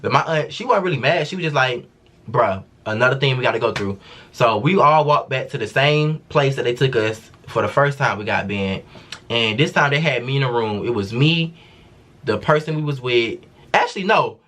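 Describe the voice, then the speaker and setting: A young man tells a storytime for his vlog. His talk is loose and casual, full of slang and swearing, at an ordinary pitch for a man. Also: expressive, moderate pace, a bit bright, a little hiss or hum. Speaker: vlogger.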